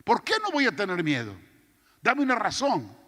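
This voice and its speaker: A man putting on a frantic young servant who cries out in a high, lurching voice. The shouts ring out with a long church reverb. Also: wildly swooping pitch, moderate pace, heavily acted. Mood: pleading. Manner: shouting in despair. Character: panicked young male servant of a prophet.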